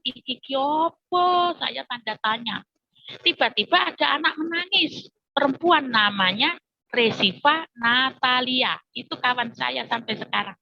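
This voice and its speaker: Javanese woman telling her testimony, bright voice, kinda high, acts out everyone, dull lo-fi sound. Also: gravelly, no room sound. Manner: animated storyteller acting out quoted voices. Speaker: testimony speaker. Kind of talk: personal testimony storytelling. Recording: dull lo-fi recording.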